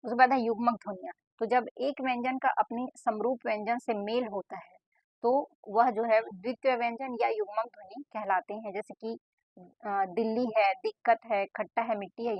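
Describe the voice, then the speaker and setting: A woman exam-prep teacher talks her students through a lesson in a relaxed, casual way. She keeps asking questions and answering them herself, with a frequent "ठीक है". Her voice sits a little high, and the recording is dry and slightly muffled. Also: dry recording. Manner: explains step by step, asks and answers her own questions, repeats "ठीक है". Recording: dry, dull lo-fi voice-over.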